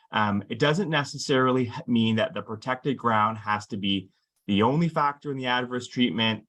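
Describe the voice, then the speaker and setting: Measured man explaining law. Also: on the low side, fairly bright tone. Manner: measured, explanatory, frequent "um" fillers, stresses key words. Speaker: employment lawyer presenting a webinar. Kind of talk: scripted-ish legal presentation to employers.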